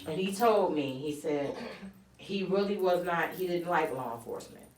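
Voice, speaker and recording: A woman guest in an interview, telling her story in animated fashion and acting out quotes. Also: on the low side, moderate pace, distant mic. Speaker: guest author. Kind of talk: conversational interview. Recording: roomy, from off-mic.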